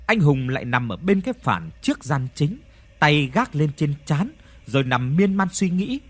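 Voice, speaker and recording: Husky male ghost story narrator. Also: medium pitch. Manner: expressive, dramatic storytelling.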